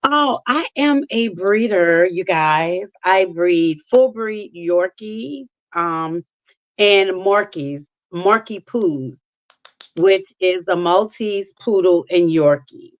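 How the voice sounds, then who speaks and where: A woman's voice: fairly low pitch, expressive, slow, dry recording, lo-fi sound. A middle-aged woman with a New Orleans accent, chatting casually as a talk show guest. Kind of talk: casual chat.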